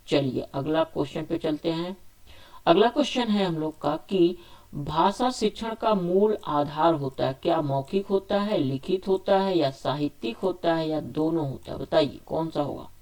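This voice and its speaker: A man's voice: a little high, lively intonation, moderate pace, a little mellow. Man teaching an exam quiz. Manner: reads each question, then asks and answers it himself; repetitive, restates options several times. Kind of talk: spoken exam quiz lesson.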